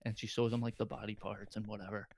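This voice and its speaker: A man's voice: fairly low pitch, level tone, quick pace, gravelly, darkish tone, no echo. A man hosting a podcast, rambling through a casual movie recap with loads of filler words. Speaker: podcast host.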